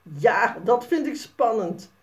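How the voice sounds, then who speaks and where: A woman voicing an excitable little girl who is easily startled. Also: fairly high pitch, slow pace, pitched above the performer's own voice. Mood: excited. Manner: excited, squealing.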